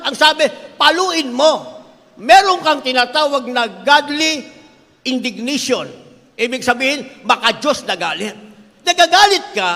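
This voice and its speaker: Older male pastor, high bright voice, forceful emphatic sermon delivery, church hall reverb. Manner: emphatic preaching, addresses congregation as beloved, often acts out voices.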